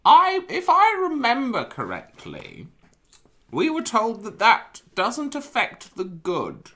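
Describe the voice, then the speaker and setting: A woman's voice: on the high side, huge pitch swings, slow pace, sharp tone. A woman with an English accent playing a tabletop game, giggly and theatrical in casual chat. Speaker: player.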